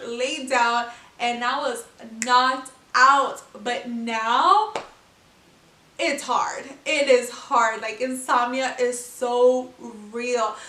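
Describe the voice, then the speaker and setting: Young pregnant woman vlogging, chatty and animated, slightly high voice, echoey room, mic a bit far off. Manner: chatty, animated storytelling with laughs. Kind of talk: casual chat to camera.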